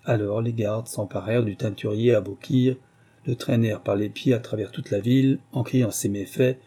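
A man narrating a classic tale in a measured, steady reading. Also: fairly low pitch, slightly rough. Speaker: audiobook narrator. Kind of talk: storybook narration.

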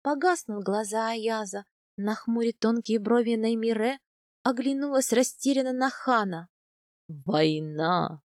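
A woman reading a first-person novel aloud, soft and intimate in tone. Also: a little high, fairly even intonation, normal speed, dry recording, studio quality. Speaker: audiobook narrator.

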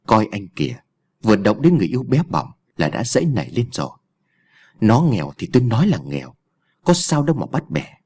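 A man's voice: on the low side, wildly swooping pitch, brisk, darkish tone, breathy edge, exaggerated voice. A man voicing a haughty, scheming young rich woman who mocks and bosses others in an audio story. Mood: taunting. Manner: mocking, domineering.

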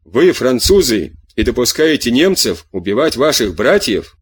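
A man's voice: mid-range voice, very animated, unhurried, breathy edge, heavily acted. A man voicing a fiery farmer who urges soldiers to fight, in an audiobook reading. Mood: indignant. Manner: urgent, exclaiming, pleading.

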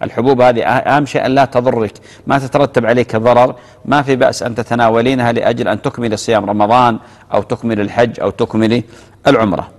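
A religious scholar on live TV reads out viewers' questions in a television studio and answers them, gently repeating his key phrases during this fatwa Q&A. His mid-range voice races along with fairly even intonation and a big-room sound.

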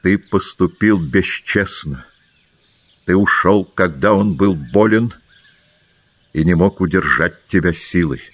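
A man's voice: low voice, takes it slowly. A man voicing a grave, earnest old-school doctor. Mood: sad reproach. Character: kindly grave middle-aged man, a doctor. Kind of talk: audiobook character voice.

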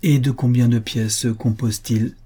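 A man reading the part of a reserved young widow, asking careful, polite questions in a measured way. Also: medium pitch, fairly even intonation, dark tone, slightly rough, lightly acted. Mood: guarded.

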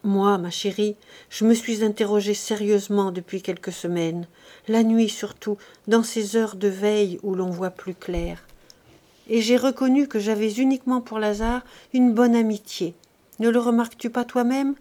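A woman reading an audiobook, voicing a gentle, motherly young woman who coaxes her friend tenderly. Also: mid-range voice, steady tone, moderate pace, lightly acted. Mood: coaxing. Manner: coaxing and tender.

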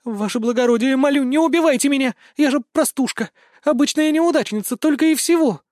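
A man's voice: very animated, a little fast, no room sound, clean studio sound. A man voicing a timid young maid who pleads and shrieks in panic. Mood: terrified. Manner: pleading, shrill when frightened.

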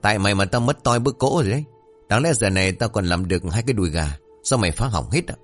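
A man's voice: fairly low pitch, expressive, fast, soft background music. A man voicing a cheeky village boy who teases his friend while hogging food. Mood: smug teasing. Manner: teasing, smug.

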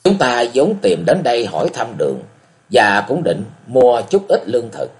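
A man's voice: mid-range voice, big pitch swings, moderate pace. A man voicing a stern young swordsman hero. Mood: earnest. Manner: cold, commanding. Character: young male martial-arts hero, stern and bold. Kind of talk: audiobook character voice.

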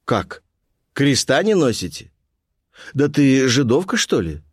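An impatient, eager nineteenth-century officer, as voiced by a male reader, firing off short exclamations. His voice is mid-pitched and lively, rising and falling a lot. The sound is close and dry. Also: takes it slowly, breathy edge, no room sound, full character voice.

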